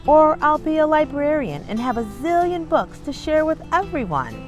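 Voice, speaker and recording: With a high-sitting, very animated voice at normal speed, a woman reads a storybook aloud for a children's read-along. She speaks to viewers warmly and encouragingly between passages, and music runs in the background.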